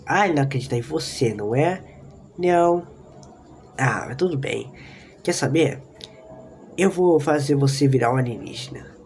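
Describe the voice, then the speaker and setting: A man voicing a friendly male alien who talks slowly in a low, calm, sly way. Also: a little hiss or hum, close to an everyday voice. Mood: coaxing.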